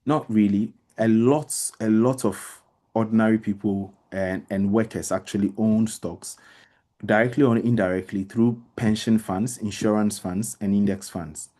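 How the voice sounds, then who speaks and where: A man's voice: on the low side, fairly even intonation, measured pace, mellow. A man teaching as a debate trainer in an informal explanatory lecture, repeating phrases for emphasis and speaking directly to his listeners. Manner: addresses listeners directly with everyday examples.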